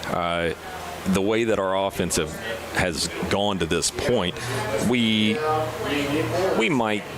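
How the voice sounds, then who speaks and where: Casting: male American play-by-play man for local radio football, low register, announcer delivery with chatty asides, over a roaring crowd. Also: slow pace. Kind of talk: live high school football commentary. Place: live at a high school football stadium. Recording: loud stadium crowd behind the voice. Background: loud crowd.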